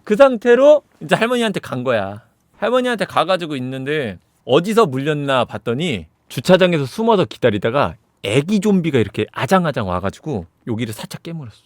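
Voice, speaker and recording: A man casually recapping a movie, telling it with animated energy and sound effects. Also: a little high, a little fast, no room sound, clean studio sound. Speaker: movie reviewer.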